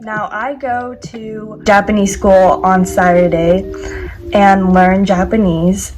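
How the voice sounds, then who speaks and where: A teenage girl from the United States chats casually to camera as a vlogger, filling her talk with lots of "like" and "um." Her mid-range voice is steady and slow-paced. Faint music plays in the background.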